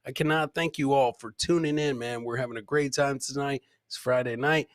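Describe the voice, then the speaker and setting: On a close boom podcast mic or headset, a middle-aged man runs a live comedy stream, joking casually with chat, reacting to clips, and repeating lines like a hype man. His mid-range voice is steady and brisk, and the studio sound is clean with no echo.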